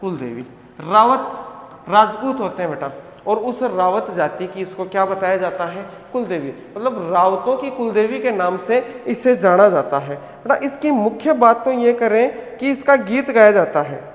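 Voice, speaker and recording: Male coaching-class teacher, higher pitch, repeats questions for the class, echoey hall recording. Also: expressive, a little slow. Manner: drills students with repeated questions and answers; addresses students as "beta". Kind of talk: online coaching class lecture.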